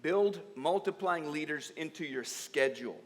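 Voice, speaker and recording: A man from the United States preaching at a conference, speaking in short phrases and pausing for an interpreter. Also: fairly high pitch, lively intonation. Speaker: pastor. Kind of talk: conference sermon with live interpretation. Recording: echoey hall with long reverb.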